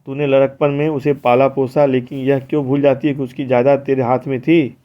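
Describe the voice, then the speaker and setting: A man's voice: medium pitch, little pitch movement, fairly quick, natural voice. A man voicing an officious village land clerk who argues back reprovingly, read in a dull lo-fi audiobook recording. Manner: reproving, argumentative.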